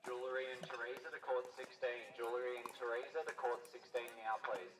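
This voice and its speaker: A man with an Australian accent making booming tournament announcements over a public address loudspeaker, heard from across the venue. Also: level tone, slight background noise, poor audio. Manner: booming, drawn-out calls. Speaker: tournament director. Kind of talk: venue announcements calling players to courts.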